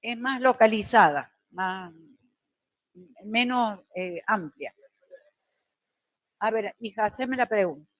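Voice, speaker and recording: Deliberate woman teacher lecturing. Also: mid-range voice, dry recording. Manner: slow, deliberate, with careful diction. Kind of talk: lecturing a class.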